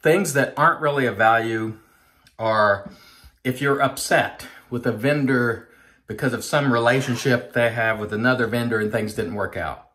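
A medium-pitched, slightly bright voice belongs to a man in his forties who runs a shaving channel. Speaking at a moderate pace, he chats earnestly and casually to the camera, calling viewers folks, while lathering and shaving in his small home bathroom.

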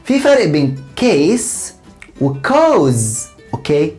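A man with an Egyptian Arabic accent teaching English pronunciation, repeating words slowly and checking in with his students. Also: fairly high pitch, huge pitch swings, darkish tone, roomy sound, faint music behind. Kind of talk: online lesson, modelling word pronunciation.

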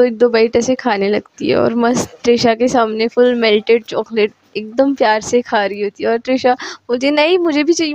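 High-voiced woman narrating a romance. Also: darkish tone, no echo, muffled recording. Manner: chatty, mixes English words in. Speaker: storyteller. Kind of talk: casual story narration.

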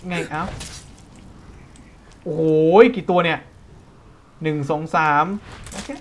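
A man with a Thai accent giving casual, jokey let's-play commentary, breaking into quick startled exclamations. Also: on the high side, level tone, a bit bright, a little hiss or hum. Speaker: gaming streamer.

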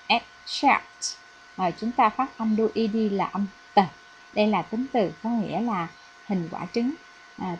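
A woman's voice: medium pitch, a little mellow, slight background noise, low-quality recording. A woman from Vietnam, an English teacher, explaining a lesson patiently with frequent fillers. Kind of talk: recorded classroom lesson.

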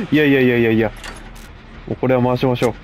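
A man with a gravelly voice, chatting casually and mocking himself as he comments on his own game play. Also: mid-range voice, sing-song, moderate pace, slight background noise. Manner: chatty, self-mocking, frequent laughs. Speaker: gameplay commentator.

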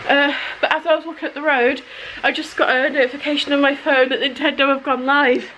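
A young woman vlogging at home into a handheld camera. Her voice sits a little high, and she chats along in an excitable way, full of fillers. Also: fairly quick, background noise. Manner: chatty and excitable, with many fillers. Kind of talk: casual daily vlog. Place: at home indoors.

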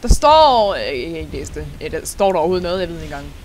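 Excitable young let's-play host, mid pitch. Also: slight background noise. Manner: excitable, laughs often, sprinkles English words into speech. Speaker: gaming channel host.

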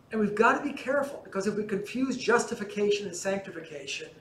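Standing before icons in a large, reverberant church, an older man with a fairly high voice leads a parish class. He explains things easily and conversationally while gesturing. The far-off camera captures his ringing voice over a faint hum.

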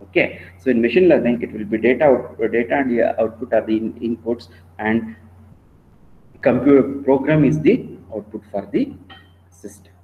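A man with an Indian accent teaching an online class like a professor lecturing, explaining in a halting, repetitive way. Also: mid-range voice, roomy sound. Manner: halting, repetitive, often checking in with "okay". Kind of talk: lecture to students, explaining from slides. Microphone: online meeting call. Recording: muffled phone-like online call, clear background noise.

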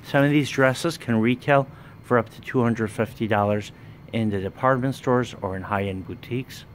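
A man, running a wholesale business, giving a plain walkthrough sales pitch in a warehouse, listing items one by one while filming on a handheld phone. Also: moderate pace, slight background noise. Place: indoor warehouse with dress racks. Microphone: handheld phone camera, speaker off screen.

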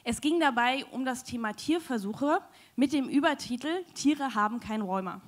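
High-voiced young woman on stage. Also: lively intonation, normal speed. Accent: German. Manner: chatty, joking, many fillers. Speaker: science slam speaker. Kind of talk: live stage science talk. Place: large dim hall with audience. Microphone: handheld mic.

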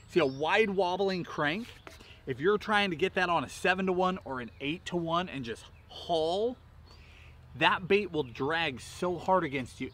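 Seated outdoors by a lake, a man in his thirties who hosts a fishing channel walks through tackle with real energy. His voice is a little high and fairly bright, punching out repeated rhythmic bursts over faint background ambience.

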